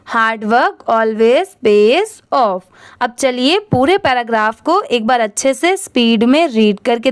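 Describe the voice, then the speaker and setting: A high, clear-voiced woman teaches a reading lesson. She spells each word letter by letter and sounds it out slowly, then explains in brisk bursts. The sound is dry and close. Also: dry recording. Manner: asks and answers her own questions in brisk explaining bursts.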